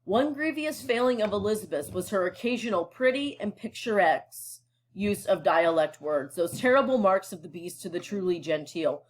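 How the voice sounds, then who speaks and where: A woman teacher reads passages from a novel and stops to unpack them for her students. She talks casually and checks in often, her voice at an ordinary middle pitch. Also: animated, normal speed. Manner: casual and explanatory, with frequent fillers and check-ins. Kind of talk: reading a novel aloud and explaining it.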